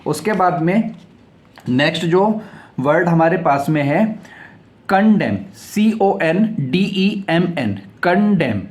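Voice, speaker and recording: A man's voice: high voice, expressive. A man teaching English vocabulary, explaining each word, spelling it out letter by letter and repeating it several times. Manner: spells words out letter by letter and reads example sentences slowly. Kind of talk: vocabulary lesson.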